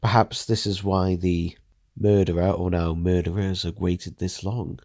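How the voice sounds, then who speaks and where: A man tells a first-person audio drama in a low, gravelly voice. His read is steady and measured, and the sound is dry and close. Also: no echo. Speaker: narrator.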